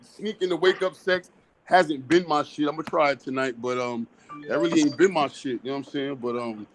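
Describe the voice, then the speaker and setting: A man's voice: on the high side, a little fast, noisy background. A man co-hosting a casual group chat, talking in a laid-back, rambling way with lots of swearing. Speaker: podcast co-host.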